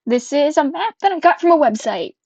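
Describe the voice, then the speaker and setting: A woman's voice: sits high, animated, brisk, mellow, no echo, low-quality recording. A woman running a tabletop game as game master, talking casually and bluntly. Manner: casual, unbothered, profane. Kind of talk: narrating a tabletop game over voice chat.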